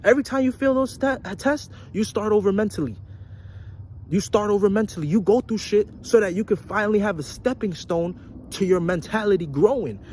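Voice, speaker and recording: A man's voice: high voice, lively intonation, fairly quick, a little mellow, slight background noise. A young man giving a blunt, profane motivational rant to his viewers, repeating his points and preaching about intelligence and life lessons. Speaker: vlogger.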